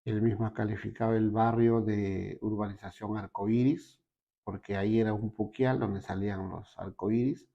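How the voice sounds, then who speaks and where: Man, gravelly low voice, dark tone, halting personal testimony, dull lo-fi recording. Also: steady tone. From Peru. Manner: halting, with frequent filler and tag questions. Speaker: testimony giver.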